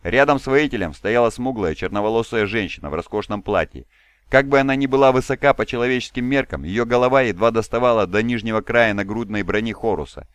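A man reading an audiobook in a steady, even storytelling way. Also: medium pitch, fast, clean tone, no echo. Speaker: audiobook reader. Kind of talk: audiobook narration. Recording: dry home recording.

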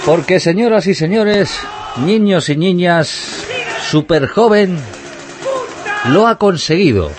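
A man's voice: high voice, animated, slow, background noise. Ringmaster-like male radio announcer from Spain, proclaiming. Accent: Spanish from Spain. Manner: theatrical, proclaiming. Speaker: radio show host. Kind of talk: ringmaster-like show announcing, grand proclamations to the audience.

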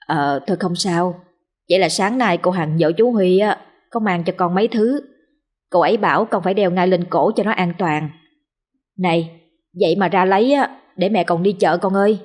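A woman's voice: lowish voice, moderate pace, natural voice. A woman voicing an anxious middle-aged mother fussing over her sick son, in a spoken ghost story. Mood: worried. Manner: anxious, gentle nagging.

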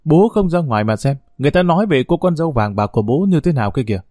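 An outspoken young woman from an audio story, indignant and blunt, as a man puts her on. Her pitch rides well above his own voice, with a dark, mellow tone and a dry, close sound. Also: sing-song, racing, no room sound. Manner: outspoken, heated.

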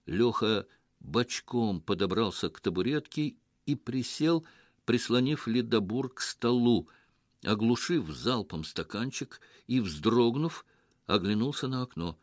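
A man narrating an audiobook story in a measured, even reading. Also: medium pitch, dry recording, studio quality.

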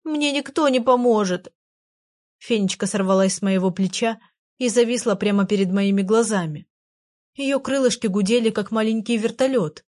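A woman's voice: mid-range voice, normal speed, darkish tone. Woman narrating a storybook. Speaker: audiobook narrator. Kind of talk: first-person storybook narration.

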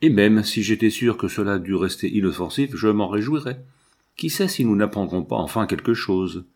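A man voicing a gloomy elderly male scientist who grumbles in a measured way. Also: fairly low pitch, expressive, a little mellow. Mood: grave. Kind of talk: audiobook reading.

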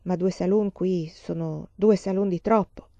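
A woman reading the lines of a kind, easygoing pioneer father in a gentle, reassuring way. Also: lowish voice, fairly even intonation, unhurried, creaky, dry recording, highs cut off.

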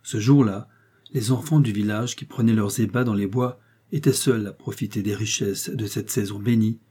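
A man narrating a classic novel in a measured, literary storytelling manner. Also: medium pitch, mellow, breathy edge. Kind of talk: audiobook reading.

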